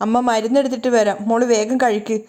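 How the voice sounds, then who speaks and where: Woman doing a guilty tender mother, soothing, coaxing, quick, mellow. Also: a little high, fairly even intonation, close to an everyday voice.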